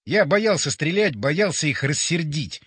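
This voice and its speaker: A man narrating a first-person sci-fi audiobook with expressive, animated storytelling, recorded on a close studio mic. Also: a little high, unhurried, breathy edge, no room sound.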